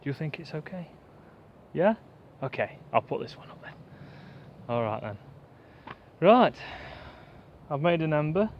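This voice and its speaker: A man chatting fast and rambling to the camera in a pine woodland, like a bushcraft vlogger. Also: fairly high pitch, very animated, slight background noise. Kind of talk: casual rambling chat to camera. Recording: dull lo-fi outdoor recording, faint woodland ambience.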